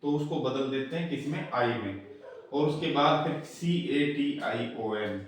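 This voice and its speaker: A man's voice: medium pitch, expressive. Man teaching in an echoey room. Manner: slows down to spell and repeat words. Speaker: English teacher. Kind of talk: explanatory classroom lesson. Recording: echoey room, distant mic.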